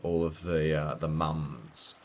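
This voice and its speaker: A man's voice: rumbling low, steady tone, takes it slowly. A man streaming a visual novel, moving between casual chat and reading the story's narration aloud.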